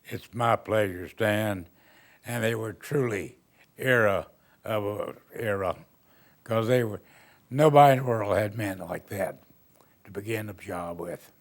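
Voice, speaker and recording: An older Texan who used to be a band director reminisces in an interview, telling rambling, folksy stories punctuated by chuckles. His voice sits on the low side and he takes his time.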